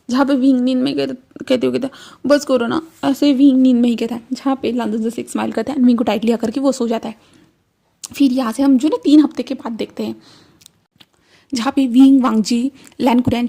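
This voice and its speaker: Fast, dark-voiced woman retelling a story. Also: on the high side. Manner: chatty, fillers like "jo hai na", retells dialogue in a flat voice. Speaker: storyteller reading fan fiction. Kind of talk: casual story narration with quoted dialogue.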